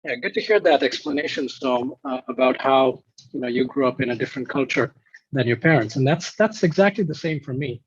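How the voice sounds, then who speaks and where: A man's voice: medium pitch, fairly quick, breathy edge. A man from Kuwait, a guest in an interview, talking in a reflective, explanatory way over a video call. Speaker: guest musician. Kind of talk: conversational interview. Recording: dull, lo-fi call audio.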